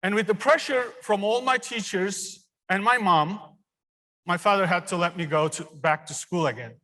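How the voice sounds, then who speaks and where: Earnest professor from Turkey, fifties, man with a fairly high voice, speaking at a commencement in a big theater. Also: bright, forceful tone. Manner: earnest, personal storytelling with pauses. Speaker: engineering professor giving a commencement speech. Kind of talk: commencement speech. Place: large theater. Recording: long reverb of a large hall.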